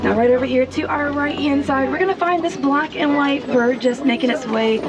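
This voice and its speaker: A woman working as a safari guide, giving rehearsed tour commentary outdoors from a moving truck. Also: normal speed. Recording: loud crowd and vehicle, outdoor ride. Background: crowd chatter and vehicle rumble.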